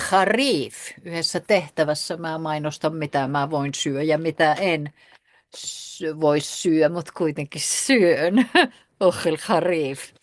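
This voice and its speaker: A woman teaching a vocabulary lesson, saying each word slowly and more than once, with many fillers. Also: sits low, no room sound, clean studio sound. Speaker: language teacher.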